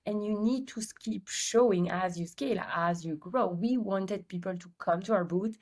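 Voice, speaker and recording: A woman's voice: mid-range voice, normal speed. Belgian-accented woman telling her story. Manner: lively storyteller with many filler ums. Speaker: guest, company CEO. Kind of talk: casual interview chat.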